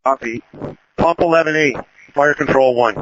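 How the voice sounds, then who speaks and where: A man's voice: medium pitch, normal speed. A man working as a fire control officer, making urgent, procedural firefighter radio calls in clipped phrases over a two-way radio. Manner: procedural, clipped call-and-response. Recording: muffled radio with faint noise, clicks.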